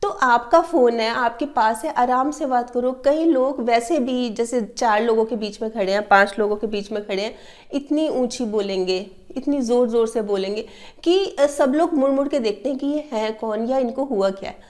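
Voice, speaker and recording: A woman's voice: a little high, normal speed. A woman hosting an advice talk, explaining with everyday examples and imitating the habits she describes. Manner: mimics sounds and repeats words to illustrate. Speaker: self-help video host.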